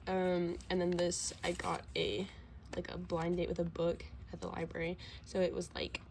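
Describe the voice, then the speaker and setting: A teenage girl vlogger with a slight cold gives a casual sketchbook tour, rambling with plenty of fillers and self-deprecating asides. Her slightly low, creaky voice is monotone and darkish, at a moderate pace, and she sniffles now and then over a faint hum of noise.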